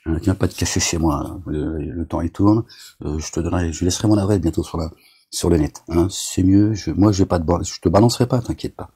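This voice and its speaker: A man's voice: low-pitched, steady tone, a little fast, warm tone, breathy edge. A man delivering a rambling, agitated monologue to his viewers, scolding them as a self-styled preacher, with constant verbal tics.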